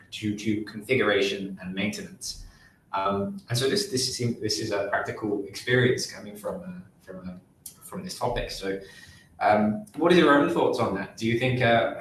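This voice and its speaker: A man moderating a webinar Q&A, measured, reading out audience questions over video-call audio. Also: on the low side, fairly bright tone. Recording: roomy video-call audio with faint hum.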